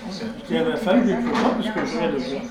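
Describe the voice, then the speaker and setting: Higher-pitched man in casual rambling chat. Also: expressive, fast, over a noisy crowd. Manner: rambling, repetitive. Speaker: cycling fan encountered at home.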